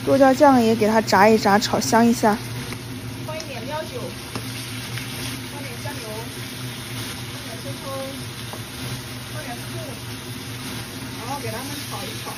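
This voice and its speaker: Higher-voiced woman narrating home cooking. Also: moderate pace, long pauses. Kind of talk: informal step-by-step cooking narration. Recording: faint background noise.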